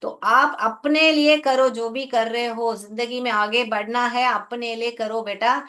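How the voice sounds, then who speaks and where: A woman's voice: on the high side, fairly even intonation, measured pace, fairly bright tone. A woman teacher explaining an English lesson to her class, patiently sounding out words and asking her students questions. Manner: patient, calls students "beta", asks checking questions.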